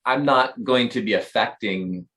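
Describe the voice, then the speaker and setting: A man's voice: medium pitch, a little slow, sharp tone. A male life coach co-hosting a faith podcast, talking thoughtfully and rambling with many fillers. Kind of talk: casual faith-based podcast talk.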